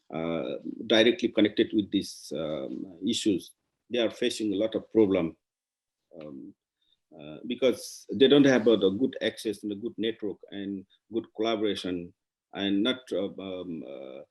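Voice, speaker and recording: A man from Nepal, giving halting guest remarks on a video call, with many pauses and restarts. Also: on the low side, a little mellow. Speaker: guest speaker. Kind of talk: virtual meeting remarks.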